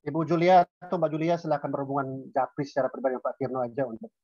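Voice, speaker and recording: A man's voice: medium pitch, mellow. A man moderating a webinar over a video call, politely reading out audience questions. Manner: polite, quick. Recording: dull dry lo-fi call audio.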